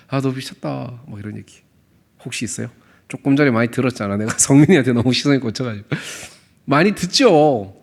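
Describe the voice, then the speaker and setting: A young man preaching a sermon to his congregation in a church sanctuary, chatty and playful, joking with listeners and acting out quoted lines. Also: medium pitch. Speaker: pastor.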